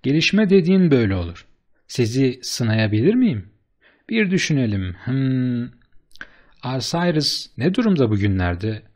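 A man's voice: medium pitch, measured pace. A man doing an eager, effusive bearded businessman. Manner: effusive, flattering, emphatic. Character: eager, fast-talking bearded businessman, middle-aged man.

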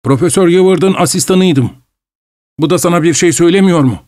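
A man voicing a feverish, frightened man who claims to be a scientist, pleading and high-strung. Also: fairly quick, darkish tone, no echo, studio quality, natural voice. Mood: agitated. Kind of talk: audiobook character voice.

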